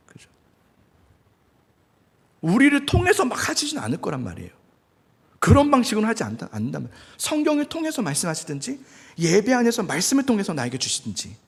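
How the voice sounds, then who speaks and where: A male pastor preaching in a conversational way, now and then acting out loud, angry prayers. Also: high voice, slightly rough, in a large hall. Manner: conversational, acts out angry prayers with sudden shouts. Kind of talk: sermon.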